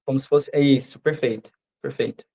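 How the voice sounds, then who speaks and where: A man teaching French in an online class. His first language is Portuguese. He explains patiently, repeats example sentences slowly and keeps asking "né?" and "tá?" to check that students follow. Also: medium pitch, fairly even intonation, dark tone. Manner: explains patiently, often adds "né?" and "tá?".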